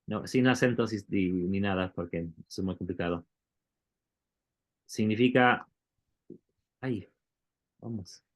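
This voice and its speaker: A man's voice: on the low side, a little slow, pauses often. A man teaching a Bible Greek class, explaining step by step and asking the students questions. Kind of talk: classroom lecture.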